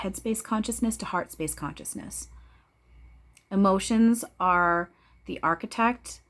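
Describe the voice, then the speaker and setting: A woman giving a casual spiritual talk to viewers, blunt and preachy, swearing freely and repeating phrases for emphasis. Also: lowish voice. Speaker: spiritual channeler speaking to viewers.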